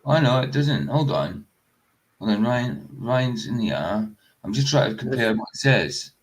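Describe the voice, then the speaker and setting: A man's voice: mid-range voice, sing-song, unhurried. A Scottish man from the northeast of Scotland hosting a livestream, chatting in a rambling way and laughing often. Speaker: livestream host. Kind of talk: casual chat.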